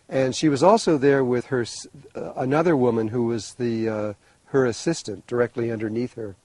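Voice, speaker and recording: A man telling a long personal story in a rambling, animated way, with many restarts. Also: medium pitch, normal speed, no echo, poor audio. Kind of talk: storytelling talk.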